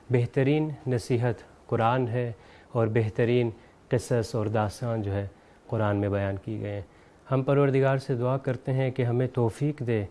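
A man hosting a televised lesson, explaining Arabic pronunciation in a measured way and saying letters out slowly to demonstrate. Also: medium pitch, warm tone. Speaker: Quran recitation teacher and show host.

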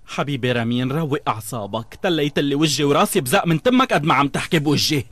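An earnest young man in a dubbed family drama, calming others and pleading his case. He speaks Lebanese Arabic in a slightly high voice. The sound is close and dry. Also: fast, no room sound. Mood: soothing. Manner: pleading, soothing.

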